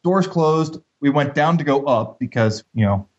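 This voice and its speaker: A man's voice: a little high, expressive, moderate pace, darkish tone. A man co-hosting a podcast, jumping in to finish a shared story in a casual chat. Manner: chatty, jumps in to finish stories. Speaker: podcast co-host. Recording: dull lo-fi sound.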